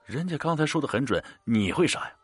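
A man's voice: mid-range voice, animated, quick pace, slightly rough, no room sound. A man voicing a brash, hot-tempered rich male gambler in a spoken ghost story. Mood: indignant. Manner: brash, indignant.

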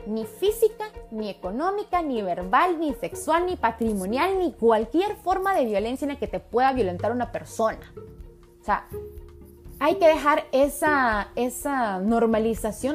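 Woman host, slightly high voice, faint music bed, casual advice monologue. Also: lively intonation, measured pace. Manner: chatty, emphatic, acts out quoted voices, calls listener "mija". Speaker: podcast host giving relationship advice. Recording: soft music in background.

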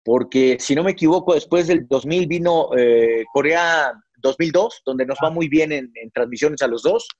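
A middle-aged sportscaster, interviewed as a guest, reflects on his career through stories, often using fillers and starting over. He speaks at a moderate pace in a somewhat high, slightly mellow voice. There's no room sound, and the audio is dry and a little dull.

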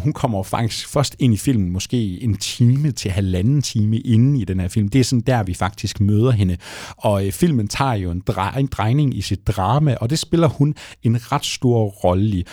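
A man's voice: on the low side, dark tone, no room sound, clean studio sound. A man hosting a podcast, chatting casually about a film with many fillers and restarts. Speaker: podcast host. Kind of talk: casual film review chat.

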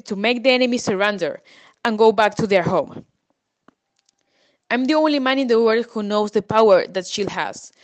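A woman's voice: on the high side, natural voice. A woman reading aloud, voicing a serious, commanding old lord in a storybook. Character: wise stern old male lord.

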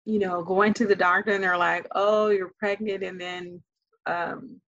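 A middle-aged woman telling her child a tender, faith-filled story of motherhood, laughing softly between thoughts. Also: on the low side, level tone, normal speed, no room sound, lo-fi sound. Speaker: guest mother. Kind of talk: heartfelt personal storytelling.

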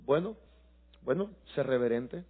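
A middle-aged male pastor, preaching a sermon that swings from quiet confiding talk to passionate shouting. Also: medium pitch, lively intonation, unhurried, breathy edge, narrow, tinny audio.

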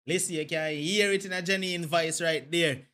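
Jamaican guy hosting a call-in, laid-back patois banter, pretty high voice for a man. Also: fairly even intonation, moderate pace, sharp tone. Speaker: podcast host taking calls.

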